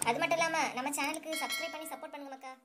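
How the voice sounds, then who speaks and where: Rapid high-pitched woman with a Kanyakumari Tamil accent. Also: fairly even intonation, fairly bright tone, faint music behind. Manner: rapid and urging. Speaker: channel host. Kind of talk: channel promo.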